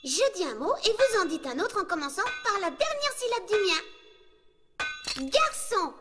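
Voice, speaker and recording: Teasing, chatty young heroine, very high and bright in pitch. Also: female voice, very animated, measured pace, exaggerated voice. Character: cheeky, playful young woman heroine. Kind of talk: anime French dub. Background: music.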